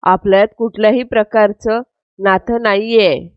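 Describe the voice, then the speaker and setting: A woman's voice: medium pitch, steady tone, a little slow, clear, resonant tone, no room sound, natural voice. A woman voicing a betrayed, hostile young man who speaks coldly and accusingly, in a dull, dry, lo-fi recording. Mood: bitter.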